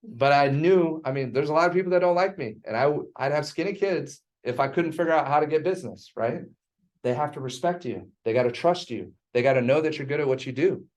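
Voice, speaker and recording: A man's voice: a little high, brisk, a little mellow. A man teaching a real estate sales class in an emphatic, teasing way.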